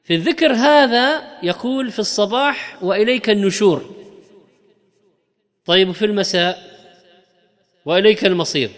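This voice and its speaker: A man giving a religious lesson, explaining slowly and stretching key words for emphasis. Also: high-pitched, long reverb tail. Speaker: religious teacher.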